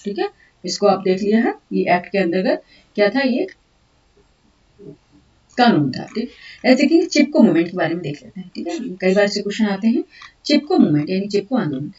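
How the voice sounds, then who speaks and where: A woman teacher lecturing at a middle pitch. She reads English notes out slowly, then explains them fast in Hindi and checks in often. The recording is dull and roomy, with her voice set back from the mic. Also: sing-song, darkish tone, distant mic. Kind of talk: classroom lecture.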